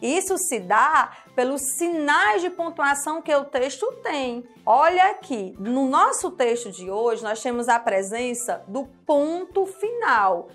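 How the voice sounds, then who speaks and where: A woman from Brazil teaching a remote lesson to young children, slow and sing-song, with exaggerated rising questions. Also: high-pitched, sing-song, fairly bright tone, faint music behind. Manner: speaks of herself in the third person as "tia [name]".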